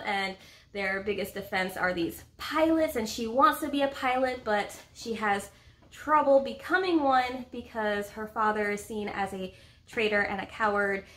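A woman in her thirties co-hosts a book vlog from a room at home lined with bookshelves, chatting casually and enthusiastically about books with playful emphasis. Her medium-pitched voice has a slightly bright quality.

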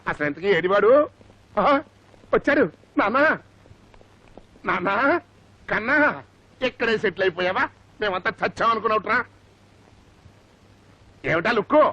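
A blustering, high-voiced father. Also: moderate pace, long pauses. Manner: blustering, indignant, loud outbursts. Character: hot-headed middle-aged father, comically bewildered. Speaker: father searching for his son. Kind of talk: comic film acting. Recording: slightly muffled film audio with faint music.

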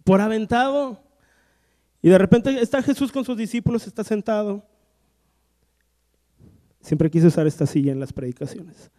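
A pastor preaches with a high, mellow voice, breaking into little acted-out scenes as he retells the stories. His words ring through a large hall with a long reverb. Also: moderate pace, pauses often. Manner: storytelling preacher acting out Bible dialogue. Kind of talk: sermon. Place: church hall.

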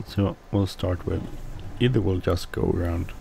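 A man whose first language is Swedish, speaking English with a Swedish accent as he hosts casual gameplay commentary, mumbling and halting with many restarts. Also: sits low, gravelly, warm tone, a little hiss or hum, rough recording. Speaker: let's play host.

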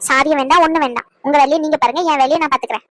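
A woman playing a quick-tempered wife who scolds her husband in a comedy skit. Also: high voice, natural voice. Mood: scolding. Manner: scolding, indignant, rapid-fire.

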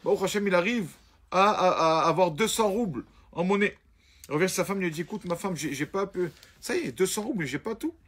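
A man with a husky, somewhat high voice tells a Shabbat story aloud. He is animated and plays each character as he goes, sometimes rising and sometimes dropping to a low murmur. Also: fast talker. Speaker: rabbi telling a Shabbat story. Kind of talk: spoken storytelling.

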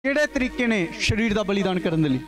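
High-voiced Punjabi pastor, music behind. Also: male voice, lively intonation, fast. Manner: urges the congregation to answer aloud, mixes in English words. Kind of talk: call-and-response sermon. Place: church hall. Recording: music playing clearly behind.

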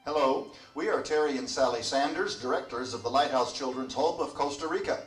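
A man's voice: medium pitch, fairly quick. Older man in a roomy, distant recording. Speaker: evangelist and children's home director. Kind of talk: scripted ministry introduction. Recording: roomy, from a distance, faint music.

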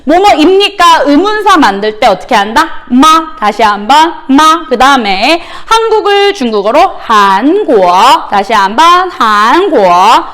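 A woman who speaks Korean as her first language, teaching Chinese to middle school students in a recorded online lesson. She drills each word with repeated prompts and says the Chinese phrases slowly and with exaggerated care. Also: high-pitched, very animated, a bit bright. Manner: drills words with repeated call-and-response prompts; slow, exaggerated pronunciation of Chinese words.

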